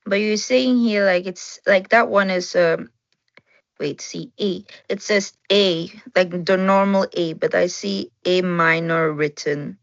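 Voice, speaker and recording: A woman's voice: lowish voice, slow pace, no echo. A woman student asking a hesitant question in an online music class, searching for words. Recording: dull lo-fi video call audio.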